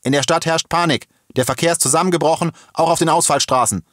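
A man's voice: a little high, quick pace, dry recording, studio quality, voice pushed up, natural voice. A man doing a barking policeman on a megaphone. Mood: commanding. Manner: barked commands, loud. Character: stern male policeman shouting orders through a megaphone.

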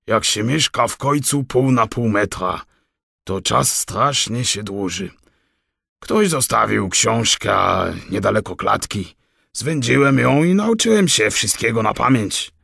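A man voicing a scared captive male raccoon with a German accent, pleading and slow in an audiobook. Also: medium pitch, expressive, creaky, a bit bright, breathy edge, no echo, clean studio sound, voice pushed up, full character voice. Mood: resigned. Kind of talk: audiobook character voice.

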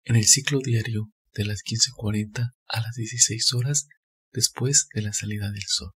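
A man calmly reading a scripted spiritual narration in a measured, steady way. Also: fairly low pitch, breathy edge.

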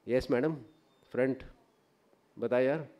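A man's voice: medium pitch, normal speed, lo-fi sound. A middle-aged man with a North Indian accent lecturing informally on stage into a microphone, prodding the audience with questions. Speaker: ophthalmology lecturer. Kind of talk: interactive lecture mixing Hindi and English. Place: large auditorium, on stage. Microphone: podium or table gooseneck microphone.

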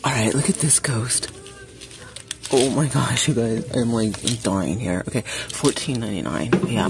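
A shopping vlogger wanders a big home goods store with her phone camera in hand, chatting casually to viewers. She gasps often and lets out excited exclamations, with a low rumbling in the background.

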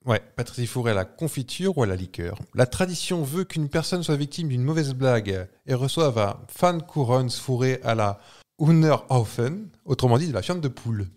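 A man's voice: mid-range voice, animated, fairly quick, few pauses, a little mellow. A man co-hosting a casual podcast, reading out quiz facts in a playful, teasing way and chuckling often. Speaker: podcast co-host. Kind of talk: casual chat, true-or-false quiz.

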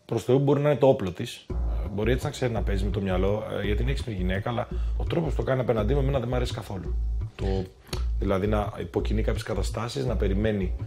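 A man's voice: lowish voice, warm tone, soft background music. A man on a reality show, defending himself insistently in a heated argument and cutting in often. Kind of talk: heated argument and confessional talk.

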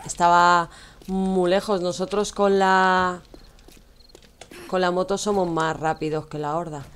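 A woman's voice: on the low side, flat delivery, unhurried, clear, resonant tone. Chatty Spanish woman streaming a game. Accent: Spain Spanish. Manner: chatty, teasing, addresses chat, laughs often. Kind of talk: casual gameplay commentary.

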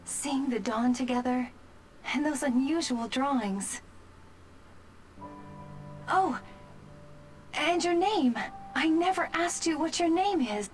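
A courteous female robot companion from a video game, its battery failing as it powers down. It speaks in slow, formal machine phrasing, unhurried and measured. Soft game music plays faintly behind. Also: high-pitched. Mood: tender farewell. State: battery running out, shutting down. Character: dying female robot companion, polite, gentle.

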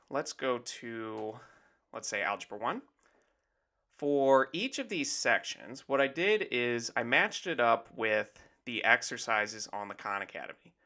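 A man's voice: mid-range voice, pushed and bright. A man, a math teacher and tutor, casually walks through his website, explaining things in an easygoing way and often saying "basically" and "essentially". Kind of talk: casual screen-share walkthrough.

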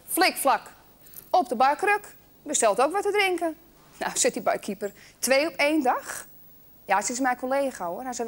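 A woman telling a joke about acrobats in a café with lively storytelling. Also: on the high side. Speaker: joke teller.

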